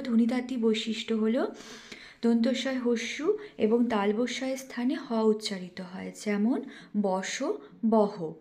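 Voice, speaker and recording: Young female trainee teacher, higher-pitched, measured didactic read-through of a lecture. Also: darkish tone. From West Bengal, India. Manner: careful and didactic, slows to spell out example words. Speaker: teacher trainee presenting a lesson. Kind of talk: read-aloud lesson presentation.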